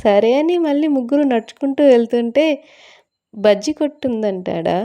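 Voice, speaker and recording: A woman's voice: a little high, normal speed, dark tone. A woman, a mother, chatting through a casual cooking vlog in a small kitchen, often asking viewers questions. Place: small hot kitchen room.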